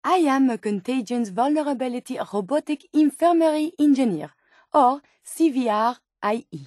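A high-voiced female robot scientist from a video game speaks with a French accent, earnest and sensitive, using formal, precise phrases in a polite, curious manner. Her delivery is expressive at a moderate pace and a little mellow. The character dialogue is recorded dry and close, with no room sound or echo.

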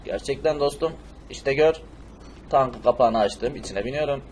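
A man's voice: medium pitch, normal speed, a little mellow, slight background noise, lightly acted. A man playing a cheeky, stubborn superhero with a short temper in an amateur cartoon dub. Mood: insistent. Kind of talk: amateur cartoon-style game video dub.

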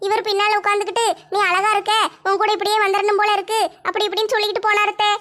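A woman's voice: extremely high pitch, level tone, rapid-fire, pushed and bright. A woman voicing an anxious, heartbroken young village wife, complaining plaintively.

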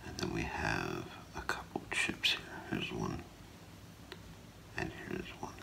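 Seated in front of a curtain in a small room, a middle-aged ASMR performer whispers softly as a gemologist appraising a client's piece. The whisper is low and breathy with some gravelly creak. He explains things gently, at an unhurried, halting pace.

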